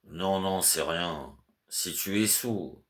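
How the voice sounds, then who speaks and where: A man's voice: deep voice, takes it slowly, fairly bright tone, pitched above the performer's own voice. A man voicing a frantic, fussy middle-aged clerk who scolds and then coaxes his servant. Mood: pleading. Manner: agitated, scolding then coaxing.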